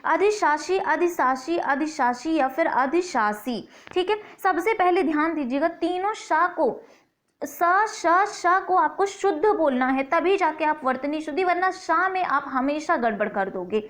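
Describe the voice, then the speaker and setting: A woman teacher going through exam questions one by one, repeating key words slowly to show how they are pronounced. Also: very high-pitched, lively intonation, fairly bright tone. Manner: explains step by step, repeats words slowly to stress pronunciation. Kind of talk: exam-prep lesson.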